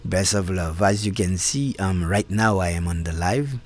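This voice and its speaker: A man hosting a live-stream conversation over a call. He talks in a halting way, repeating words and restarting often. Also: deep voice. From Haiti. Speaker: host and community organizer. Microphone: phone or call setup.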